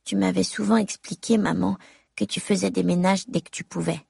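A woman reading a first-person audiobook in a measured, intimate tone, as if talking to her mother. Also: on the low side, steady tone, creaky, warm tone, breathy edge, dry recording, clean studio sound. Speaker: audiobook narrator.

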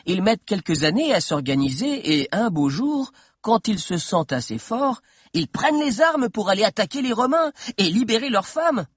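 Man reading bookish nervous schoolboy historian, lecturing, raised bright voice, lively, audiobook. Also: sits high, a little slow, no echo, studio quality, pitched above the performer's own voice. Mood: storytelling. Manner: nervous lecturing storyteller, growing bolder. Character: timid bespectacled teenage boy historian, bookish. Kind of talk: audiobook character voice.

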